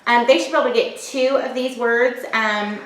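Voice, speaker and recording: A woman teaching a recorded phonics lesson, sounding out words slowly and clearly and encouraging the children. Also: on the high side, steady tone, a bit bright, roomy sound. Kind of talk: recorded home-learning lesson.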